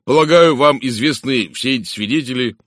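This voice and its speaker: A man voicing a brisk, hearty middle-aged police inspector who talks loudly and with energy. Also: mid-range voice, dry recording, clean studio sound, pitched above the performer's own voice, natural voice.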